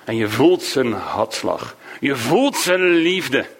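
Emotive Dutch-speaking preacher with lively pitch. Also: male voice. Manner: emotive, swinging between raised emphasis and hushed low phrases; slow, drawn-out delivery of quoted cries. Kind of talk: sermon.

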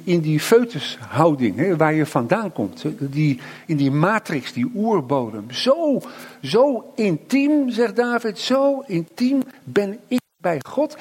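A middle-aged man preaching a sermon, reflective, with slow emphatic pauses and frequent tag questions. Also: fairly high pitch, darkish tone, slightly rough.

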